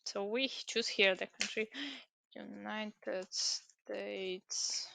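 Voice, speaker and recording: In this screen-recorded walkthrough, a young native Ukrainian woman acting as a tutorial presenter explains an online application step by step, hesitating often and using many fillers. Her mid-range voice is flat and very slow, with vocal fry and a pushed, bright quality. The recording has no echo.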